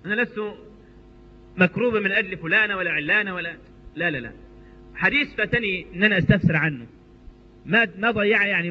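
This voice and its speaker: A preacher playing a sorrowful companion who stammers out his regret in Egyptian Arabic. The voice is bright and rushed, and it is heard through a dull recording with a long hall echo. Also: high-pitched, a little hiss or hum, voice pushed down.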